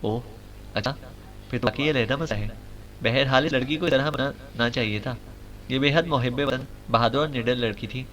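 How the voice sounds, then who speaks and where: A man's voice: medium pitch, fairly bright tone, a little hiss or hum, natural voice. A man voicing a middle-aged father, an official who talks in an amused, good-natured way. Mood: grave. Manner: amused, then grave and sorrowful.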